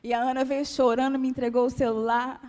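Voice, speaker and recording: Calm high-voiced woman preaching in a hall. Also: brisk. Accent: Brazilian Portuguese. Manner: calm, soft-spoken. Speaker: church speaker. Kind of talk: testimony sermon. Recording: long hall reverb.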